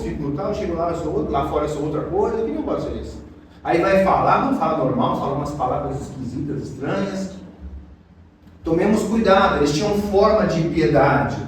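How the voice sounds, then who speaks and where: A Brazilian man preaching an expository sermon in a conversational, emphatic way with rhetorical questions. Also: a little high. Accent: Brazilian Portuguese. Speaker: pastor. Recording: echoey hall, distant mic, faint noise.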